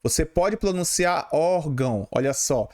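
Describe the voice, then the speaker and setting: Brazilian male exam tutor with a slightly high voice, patient, and repeats himself for emphasis. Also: expressive, unhurried, darkish tone. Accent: Brazilian Portuguese. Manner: patient, repeats key terms, checks in with "tá bom?". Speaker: exam prep teacher. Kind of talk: explaining grammar questions.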